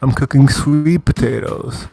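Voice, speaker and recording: A man's voice: mid-range voice, measured pace, creaky, mellow, breathy edge, soft background music. Laid-back man chatting while cooking. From Wheaton, Illinois, USA. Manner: laid-back, reads viewer comments aloud and answers them. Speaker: livestream host. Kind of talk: casual livestream chat while cooking. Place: kitchen, indoors.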